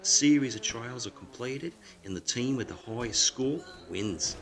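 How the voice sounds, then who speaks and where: A man's voice: medium pitch, animated, moderate pace, fairly bright tone. A man playing a crude, sarcastic sports reporter on a spoof news show.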